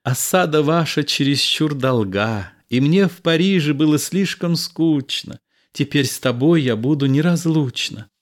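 Male reader voicing a cheerful daring young lady, raised pitch, teasing tone. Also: lively intonation, unhurried. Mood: playful. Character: lively young noblewoman, playful and bold.

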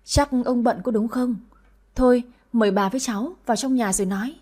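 A woman voices a kindly old grandmother welcoming family in an audio story. She sounds warm and reassuring. The voice is mellow and husky. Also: a little high, fairly quick.

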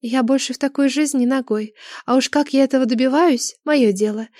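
A woman's voice: high voice, brisk, a little mellow, no room sound, clean studio sound. A woman reading an audiobook, voicing a haughty, mercenary young dragoness with an airy, scornful, dismissive manner. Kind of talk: audiobook character voice.

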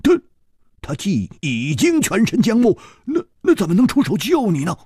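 A male storyteller voicing a boisterous, loud swordsman who shouts and laughs in high excited outbursts. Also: normal speed, breathy edge, dry recording, studio quality, heavily acted.

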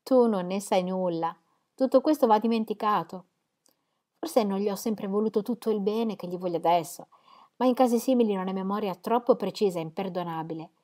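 Woman voicing lively young woman, audiobook, frank, earnest, lightly teasing. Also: mid-range voice, a little fast, natural voice. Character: lively young woman confiding her engagement. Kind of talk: audiobook character reading.

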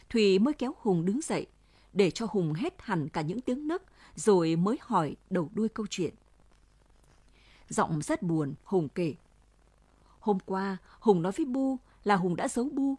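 A woman narrating a story aloud in a calm, steady, tender way, recorded close and dry. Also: medium pitch, husky, dry recording. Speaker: audiobook narrator.

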